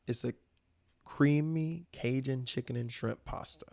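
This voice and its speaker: On his laid-back solo podcast, this young man from the American South talks food with rambling excitement and offhand cursing. He has a mid-range, creaky, slightly mellow voice and speaks a little slowly.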